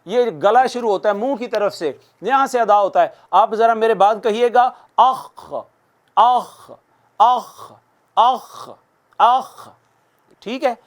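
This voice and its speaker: A man teaching a televised tajweed lesson. He recites verse words slowly and at length, has viewers repeat after him, and asks questions that he then answers himself. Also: sits high. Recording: studio broadcast.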